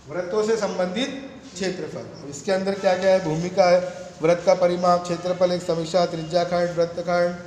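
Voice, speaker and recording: A high-pitched man teaches a math lesson and keeps checking whether the students follow. His voice rings in a very echoey room with a long reverb tail and faint background noise. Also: fairly even intonation, a little fast, darkish tone. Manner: asks students rhetorical questions and answers them. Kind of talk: classroom lecture.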